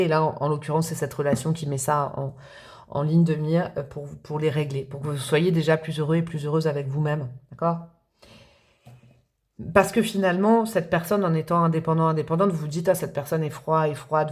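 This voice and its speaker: A woman's voice: low voice, a little mellow. A woman giving a casual tarot reading, talking straight to her viewers and thinking aloud as she goes. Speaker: tarot reader.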